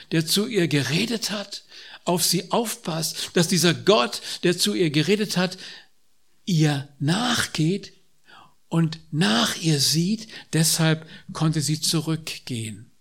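A man in his sixties preaching a sermon, repeating key phrases and swinging from loud emphatic lines to soft, dropped endings. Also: fairly high pitch.

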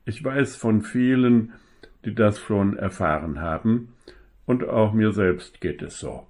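A man preaching a sermon, speaking slowly and with emphasis and asking the listeners rhetorical questions. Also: lowish voice, a little mellow.

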